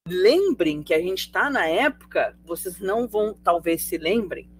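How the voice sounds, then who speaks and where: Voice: mid-range voice, animated, unhurried, slightly rough. A sociology teacher with a Brazilian accent giving a live online class in a chatty way. The teacher keeps asking the students questions and checking in with them. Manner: conversational, asks students rhetorical questions, tags sentences with "tá?".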